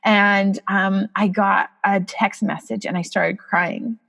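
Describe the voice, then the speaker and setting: A woman in her thirties, a podcast guest, telling a personal story in an expressive, emotional, conversational way. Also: mid-range voice, slow, vocal fry. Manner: expressive, emotional, animated retelling.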